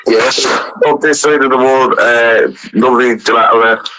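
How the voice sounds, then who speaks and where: A man's voice: mid-range voice, steady tone, a little slow, sharp tone, low-quality recording. An Irish-accented man in casual, bantering group chat full of informal slang.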